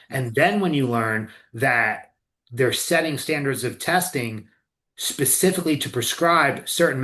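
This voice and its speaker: A man's voice: medium pitch, a bit bright. Blunt man, podcast host. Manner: blunt, swears freely, fired up about insurance. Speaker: co-owner and clinical director, host. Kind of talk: casual podcast conversation.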